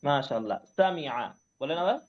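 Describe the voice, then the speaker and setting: A man teaching Quran reading in an online class, patiently spelling out syllables slowly and repeating each word. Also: on the high side, animated, muffled recording. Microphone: online class call mic.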